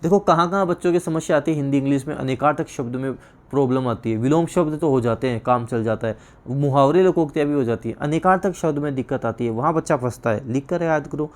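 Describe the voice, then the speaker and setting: A male teacher giving an exam-prep class lecture, explaining slowly and repeating words to spell them out. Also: medium pitch, a little mellow.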